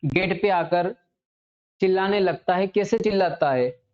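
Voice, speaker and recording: A teacher runs a classroom grammar lesson at a middle pitch, putting a question to the class and then answering it straight away. Each definition is repeated slowly, word by word, so students can copy it down. The recording is dull and lo-fi. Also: a little mellow. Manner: asks the class questions and answers them himself.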